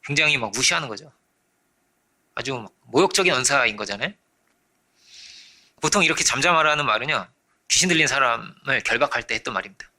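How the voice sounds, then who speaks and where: A man preaching a sermon as pastor, animated, often checking in with his listeners and acting out the voices in his story. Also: medium pitch, fast talker, long pauses. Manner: animated, acts out quoted voices; frequent rhetorical checks to congregation.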